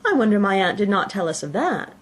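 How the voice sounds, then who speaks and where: A woman's voice: medium pitch, very animated, brisk, a little hiss or hum, voice pushed up, close to an everyday voice. A woman voicing a giddy, bold teenage daughter in a classic novel, breezy and chattering. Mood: surprised. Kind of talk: audiobook character reading.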